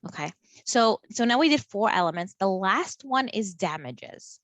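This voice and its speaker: A woman professor lecturing a college class over a video call, chatty and lively, often repeating words. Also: medium pitch, normal speed, no room sound.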